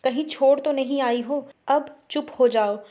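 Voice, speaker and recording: A woman reading the lines of an angry young husband who defends his mother, in a sharp, scolding way. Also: high voice, unhurried.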